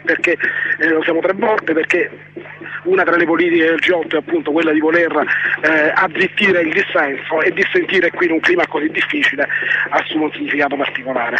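A hoarse man argues with passion from a street protest. His voice sits fairly high and comes through a dull, lo-fi radio line. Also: a little hiss or hum. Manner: forceful, impassioned. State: hoarse from shouting. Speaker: activist at a protest march. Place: outdoors at a street march.

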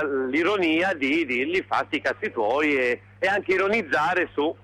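A man's voice: a little high, sharp tone, slight background noise, rough recording. Young man calling in over the phone. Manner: earnest, restarts and long lists. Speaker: caller reporting from a street march. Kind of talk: live phone-in report on radio.

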